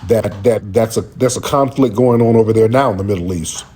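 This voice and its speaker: Man, call-in host, husky, low and mellow, loose rambling talk, a bit under the weather. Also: fairly quick. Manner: loose, rambling, searches for words. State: under the weather, lozenge in mouth. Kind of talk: casual call-in chat.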